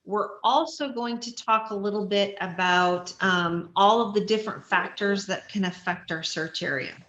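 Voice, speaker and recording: A woman's voice: medium pitch, normal speed, fairly bright tone, roomy sound, dull audio. A woman instructor explaining search dog strategy to a class in a practical, step-by-step way with frequent fillers. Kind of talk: online class lecture.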